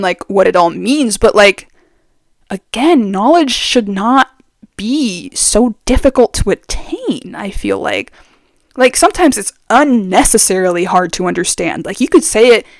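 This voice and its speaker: A woman's voice: medium pitch, no echo. A young woman vlogger chatting casually and with strong opinions, full of fillers, speaking very close to the microphone. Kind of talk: casual chat. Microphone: very close to the mic.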